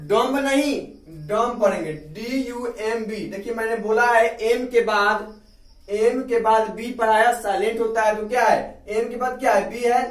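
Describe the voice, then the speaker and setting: A man's voice: high-pitched, far from the mic. A man with an Indian accent teaching an English video lesson, often asking a question and answering it himself. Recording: echoey room, off-mic.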